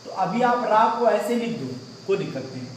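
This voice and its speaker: A man's voice: high voice, sing-song, normal speed. Male teacher quizzing a class through a grammar lesson, a faint hum of room ambience behind him. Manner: asks questions to the class, repeats answers. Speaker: Hindi teacher. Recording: echoey room, mic far off.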